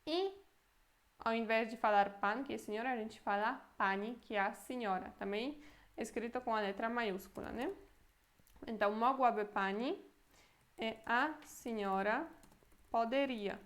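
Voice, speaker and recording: A young Brazilian woman explains a language lesson with steady patience. Her voice sits a touch high, and she slows right down whenever she repeats a phrase so the learner can follow. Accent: Brazilian Portuguese. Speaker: language teacher. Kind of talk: Polish lesson explained in Portuguese.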